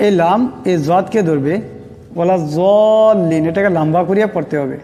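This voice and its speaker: A man teaching Quran pronunciation who explains rules quickly and then chants the verses slowly and melodically. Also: fairly high pitch, darkish tone, in a large hall.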